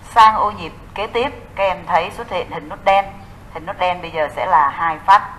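A woman's voice: fairly low pitch, normal speed, fairly bright tone, slight background noise, poor audio. A woman teaching a recorded music theory lesson, explaining step by step and answering her own questions to the class.

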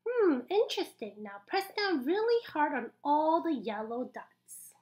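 A young woman with a high voice reads a picture book aloud for an interactive story time with little kids in a small indoor room. Slow and very lively, her voice swings up and down with exaggerated encouragement, audible gasps and pauses. She talks as if guiding the children through every page.

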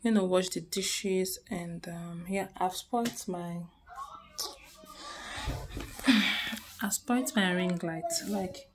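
A young Nigerian woman, a stay-at-home mom, chatting to her phone camera at home. She sighs, murmurs when tired and gets loud when excited. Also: slow, noisy background. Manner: chatty, sighing, switches between low tired murmurs and loud excited outbursts. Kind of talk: casual talking-to-camera vlog. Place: home kitchen and rooms, indoors. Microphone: phone camera held close.

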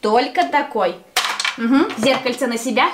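High, sing-song woman over-enunciating for a toddler. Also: a little slow. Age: young adult. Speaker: speech therapist teaching a toddler. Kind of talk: playful one-to-one speech exercise with a small child. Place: small furnished children's room, indoors. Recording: roomy echo, clear background noise and clicks.

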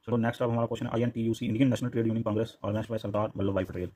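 A man's voice: on the low side, little pitch movement, very fast, warm tone, husky. A man teaching exam-prep quiz answers over handwritten notes, mixing Hindi and English and often restarting and repeating names. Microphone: phone camera over notebook, speaker off screen.

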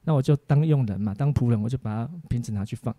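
Guy preaching a sermon, lively storyteller, warm mellow tone, dead dry sound. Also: medium pitch, fast, no room sound. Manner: anecdotal storytelling with animated family stories. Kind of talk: teaching sermon for an online course.

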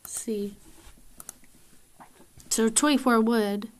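A woman's voice: on the high side, steady tone, takes it slowly. A woman commentating on her survival game as she plays, puzzled and grumbling to herself about how things work. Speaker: gamer. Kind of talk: gameplay commentary.

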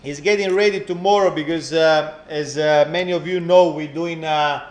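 A man with an Italian accent hosting a casual live cooking commentary, halting and often repeating his phrases. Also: a little high, steady tone. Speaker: cooking class host. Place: indoor professional kitchen. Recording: echoey kitchen with clear background noise.

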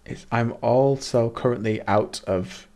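A man with a Mancunian accent, streaming a game and chatting to his viewers, excitable and dramatic, jumping from squeals to mutters. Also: mid-range voice, a little slow. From Manchester, England. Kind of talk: casual game streaming chat.

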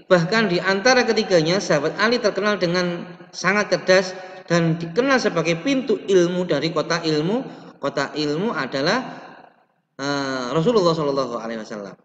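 A fairly high-voiced young man gives an online lesson, reading his slides and explaining them with restarts along the way. His voice carries a long reverb in a roomy space. The webcam audio sounds dull and lo-fi. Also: expressive, normal speed, fairly bright tone. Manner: reads slides aloud and adds explanation, with restarts and stretched words. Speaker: teacher.

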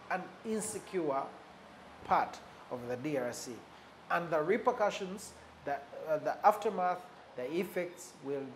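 A man giving unscripted commentary on politics, measured and pausing often, leaning hard on key words. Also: fairly high pitch, a little hiss or hum. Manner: stresses key words for emphasis.

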